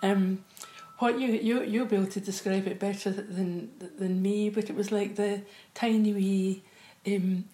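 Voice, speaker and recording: A woman's voice: medium pitch, fairly even intonation, measured pace, dark tone. A woman hosting a casual interview, chatty and hesitant, with many fillers. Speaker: podcast host, interviewer. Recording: roomy room with faint background noise.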